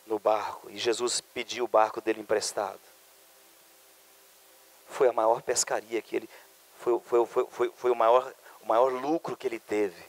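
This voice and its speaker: A male pastor preaching a sermon, moving from quiet storytelling to loud, high, fervent preaching. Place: church conference hall.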